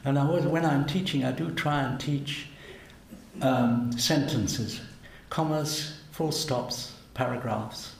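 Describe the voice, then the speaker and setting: An older man, a cellist appearing as a guest, speaks slowly in a mid-range voice with vocal fry. He muses conversationally in an interview, chuckling at himself and often ending with tag questions. The event recording sounds roomy, with a faint hum.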